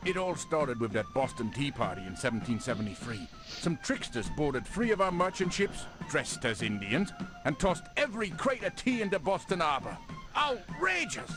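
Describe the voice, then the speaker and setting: A proud British redcoat officer from an old educational adventure game, blustering about his tea. His voice swoops wildly up and down and is full of period exclamations. Game music plays clearly behind him. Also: a little high, sing-song, normal speed. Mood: grumbling. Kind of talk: 1990s educational game voice acting.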